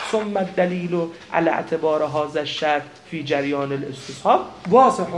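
A man teaching a seminary lesson, telling an anecdote that shifts between quiet narration and animated bursts. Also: high voice, echoey room.

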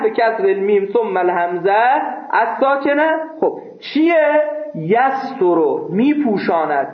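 A man teaching a seminary class. He reads a text phrase by phrase and explains each part plainly, sometimes with a joke. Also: high voice. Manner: reads phrases aloud then explains them plainly, with jokes. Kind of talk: classroom text lesson, reading and translating. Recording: echoey room over a phone-like line.

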